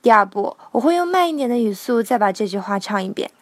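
Woman teaching singing slowly and patiently, highish voice, dry close sound. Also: lively intonation, no room sound. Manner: explains patiently, slowly sings and spells out sounds. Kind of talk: line-by-line song pronunciation lesson.

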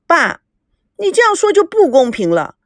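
A woman doing a shrill indignant young woman. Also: moderate pace, dry recording, studio quality, exaggerated voice. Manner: protesting, high and animated.

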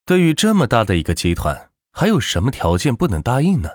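A man reading a web novel aloud in animated audiobook narration, close to the mic. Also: mid-range voice, a little fast, dry recording. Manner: animated storytelling with expressive rises and falls.

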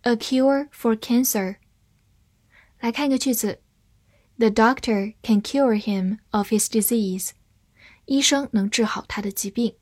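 Slow, husky-voiced woman teaching English words. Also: a little high, a little mellow, no echo, studio quality. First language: Chinese. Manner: clear, patient, reads example sentences slowly. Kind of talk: scripted vocabulary lesson.

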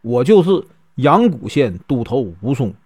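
A man's voice: medium pitch, sing-song, a little slow, a little mellow, slightly rough, pitched below the performer's own voice, exaggerated voice. A man voicing a bold, fearless hero who speaks bluntly and curtly. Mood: plain. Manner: blunt, curt.

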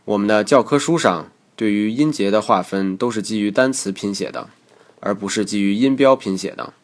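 A man narrating a scripted lesson as an English teacher, explaining calmly and reading example words aloud. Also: lowish voice, a little fast.

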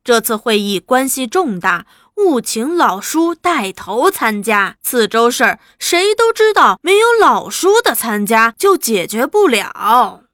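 A woman storyteller voicing a young official who flatters and pushes his case eloquently. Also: fairly high pitch, a little slow, few pauses, dry recording, clean studio sound. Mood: persuasive. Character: young man, smooth-talking persuasive official. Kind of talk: storytelling dialogue.

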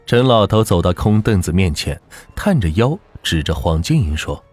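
A man narrating a folk ghost story as the channel's host, in a dramatic, lively storytelling manner. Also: sits low, normal speed, faint music behind.

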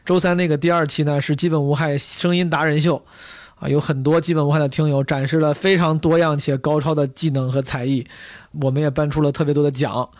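A man hosting a podcast in a chatty, casual monologue, speaking straight to listeners with a hoarse, gravelly voice worn out from hours of talking. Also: on the high side, level tone, brisk, darkish tone, dry recording, clean studio sound. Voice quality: gravelly, husky. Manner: chatty, addresses listeners directly. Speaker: podcast host.

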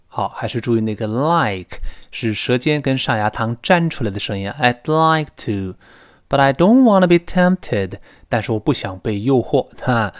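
Man, Mandarin Chinese accent, English teacher, mid pitch, patient explanations, slow modelled phrases. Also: fairly bright tone, smooth. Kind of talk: spoken English lesson.

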